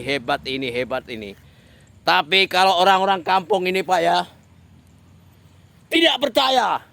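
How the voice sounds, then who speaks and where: A man's voice: high-pitched, vocal fry, pushed and bright, dry recording. A man giving a political commentary monologue, speaking straight to a politician and repeating phrases for emphasis. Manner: addresses a politician directly, repetitive emphatic phrasing.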